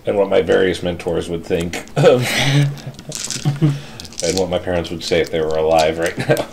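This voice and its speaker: Deep-voiced man at a game table. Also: lively intonation, creaky, background noise. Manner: rambling, halting, breaks into laughs. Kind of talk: casual in-character game chat.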